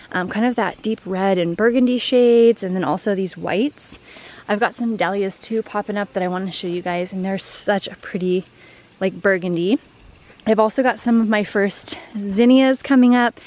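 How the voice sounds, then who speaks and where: A woman chats to her viewers while cutting flowers out in her field. She talks in an upbeat, rambling way, full of little fillers. She is recorded outdoors by a camera set low on the ground. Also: a little mellow. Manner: chatty and upbeat, lots of fillers like "like" and "um". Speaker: flower farmer and vlogger. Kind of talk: casual vlog chat while harvesting.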